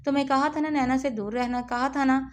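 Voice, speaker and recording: Brash rich young man pleading his love in a storybook reading, a woman reading him in her own higher voice. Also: fairly even intonation, slight background noise, natural voice. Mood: angry.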